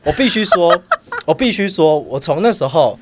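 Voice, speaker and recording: A man, a spirit medium who is a guest on a podcast, talking in a reflective and soft-spoken way. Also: on the high side, very animated, normal speed, very noisy. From Taiwan. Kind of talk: casual interview talk.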